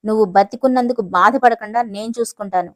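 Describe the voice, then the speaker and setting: A woman voicing a cold, menacing young businessman who speaks in a calm, dismissive way. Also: medium pitch, quick pace, no echo, clean studio sound, lightly acted. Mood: cold, controlled.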